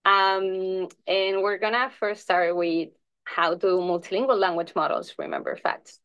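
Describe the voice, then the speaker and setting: A woman's voice: medium pitch, fairly even intonation, measured pace, a bit bright, clean tone, dry recording, lo-fi sound. Chilean woman giving a casual research talk, dry sound. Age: young adult. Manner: casual, many fillers like "like" and "um". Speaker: visiting PhD researcher presenting a talk. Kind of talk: research presentation.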